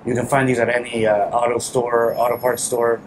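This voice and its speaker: A man, probably in his thirties, hosts an informal how-to motorcycle vlog while working in a small garage, speaking in a mid-range, monotone voice at a fairly quick pace. Workshop noise is clearly audible throughout.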